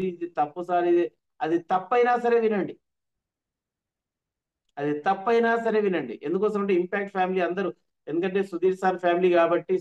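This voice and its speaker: Male trainer, high voice, emphatic repeats, dull call audio. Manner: repetitive, emphatic teaching. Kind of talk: online workshop lecture.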